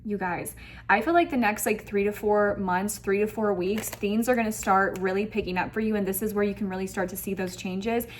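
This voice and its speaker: Slight background noise accompanies this online tarot reader, whose medium-pitched voice is fairly even in intonation and a little fast. She delivers a spiritual reading to viewers with effusive emphasis, often repeating phrases.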